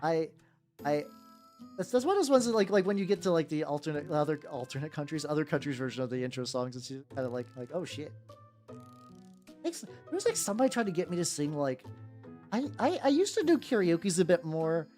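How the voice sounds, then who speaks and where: A livestreamer paints miniatures while chatting casually and irreverently, swearing freely and often stammering or repeating words mid-sentence. The voice is medium-pitched and a little fast, with lively intonation and a darkish tone, over background music.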